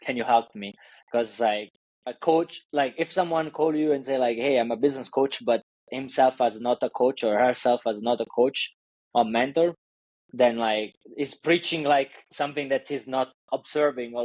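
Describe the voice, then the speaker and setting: A man with an Italian accent, talking as an interview guest and business coach. His English is loose and full of fillers and restarts, at a middling pitch. The recording is close and dry. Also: normal speed, darkish tone, dry recording, low-quality recording. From Italy. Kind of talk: casual interview talk.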